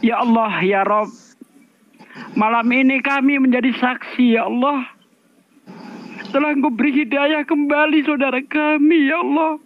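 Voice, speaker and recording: High-voiced man praying over a phone line. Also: fairly even intonation, measured pace, pauses often. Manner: repeats a refrain after every phrase. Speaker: co-host leading a prayer. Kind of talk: fervent spoken prayer. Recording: thin, dry phone-line audio.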